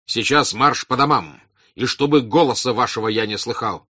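A man voicing a furious young noble officer who shouts commands. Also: mid-range voice, moderate pace, breathy edge, pitched above the performer's own voice. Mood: furious commanding. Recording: dull lo-fi dry audiobook recording.

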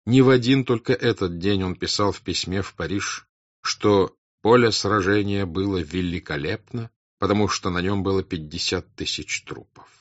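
A man narrating a classic novel as an audiobook in a measured, grave, deliberate reading style. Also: low voice, no room sound. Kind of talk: scripted literary narration. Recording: dry, dull lo-fi recording.

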